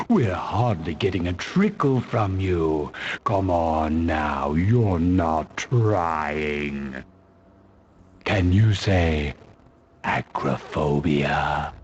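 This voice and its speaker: A man's voice: low voice, animated, very slow, highs cut off, a little hiss or hum, full character voice. A man playing a sadistic, smug doctor villain in a game, taunting his victim with mock-soothing condescension. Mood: condescending.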